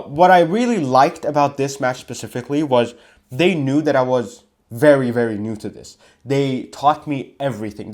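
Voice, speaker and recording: Young male vlogger, casual animated storyteller, mid-range voice. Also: mid-range voice. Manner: animated, swears casually, acts out quotes. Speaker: vlogger recounting refereeing.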